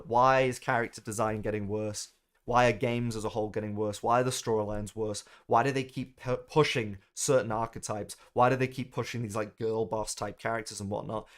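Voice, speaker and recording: British male streamer host, profane rambling rant, heated. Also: medium pitch. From United Kingdom. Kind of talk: ranting live-stream commentary.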